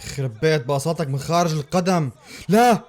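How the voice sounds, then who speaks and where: A man reacting live to a football match, excitable and full of repeated exclamations. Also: on the high side, quick pace.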